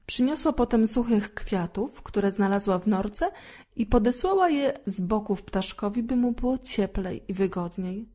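A woman reading a fairy tale aloud as a storyteller, gentle and expressive. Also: mid-range voice, measured pace.

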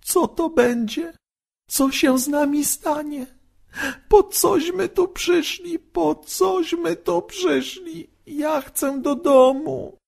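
A man voicing a frightened little girl who pleads and sobs in a high voice. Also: very animated, takes it slowly, full character voice. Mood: sobbing.

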